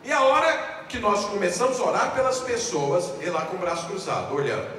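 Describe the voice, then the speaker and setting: A pastor with a high-pitched voice preaches to a live crowd, animated and repeating his key lines as he tells his story. His voice booms back off the walls of a big, echoey hall. The mic catches him from a distance, with a steady background hum. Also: brisk. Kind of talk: sermon with personal storytelling. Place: large conference hall, live audience. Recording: echoey hall, voice from far off, ambient noise.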